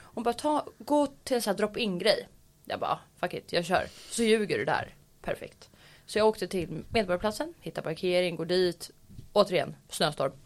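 A woman co-hosting a casual podcast, telling a story with animated energy. She acts out the voices of the people she quotes and swears freely. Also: on the low side. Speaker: podcast co-host.

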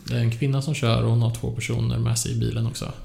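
A man's voice: medium pitch, little pitch movement, vocal fry, darkish tone. A man co-hosting a casual true-crime podcast, hesitant with many fillers and restarts. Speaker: podcast co-host. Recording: echoey room.

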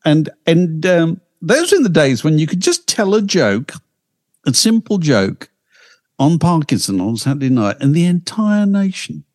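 Male podcast co-host, animated pitch, chatty storyteller. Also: measured pace. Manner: lively, chatty storytelling with restarts. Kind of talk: casual chat.

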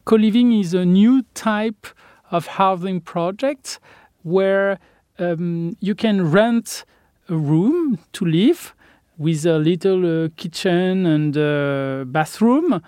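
A man's voice: high voice, animated, slow pace, mellow, clean tone, dry recording, studio quality. A man with a French accent, an architect answering interview questions and searching for his words in English.

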